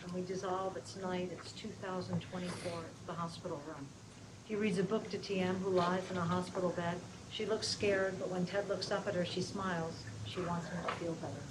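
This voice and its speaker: Reading scripted screen directions aloud at a table read, a woman keeps a level tone at a fairly low pitch and a fairly quick pace. Her manner is plain and matter-of-fact, and the live room is very noisy.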